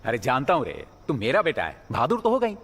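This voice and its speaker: An actor dubbing a stern middle-aged laundryman father who scolds and then gently coaxes his son, in a husky voice. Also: medium pitch, wildly swooping pitch, a little fast, exaggerated voice. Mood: coaxing. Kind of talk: Hindi film dub.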